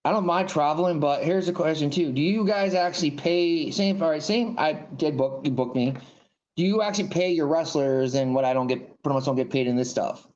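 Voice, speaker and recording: A man's voice: on the high side, brisk, a little mellow, muffled recording. A man in his thirties hosting a casual podcast interview, rambling and repeating himself. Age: 30s. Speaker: podcast host.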